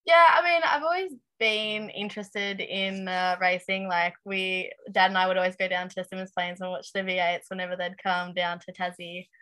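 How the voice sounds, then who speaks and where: A woman's voice: lowish voice, steady tone, moderate pace, hardly any pauses, bright, forceful tone, clear, resonant tone. A twenty-year-old woman with a Tasmanian Australian accent, answering interview questions casually, with hesitant, informal phrasing. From Launceston, Tasmania, Australia. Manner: hesitant, informal, frequent ums and likes. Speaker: interview guest, aspiring racing driver.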